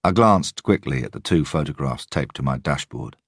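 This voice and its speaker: Very deep, husky male narrator. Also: animated, moderate pace, no room sound, studio quality. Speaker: audiobook narrator. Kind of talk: first-person audiobook narration.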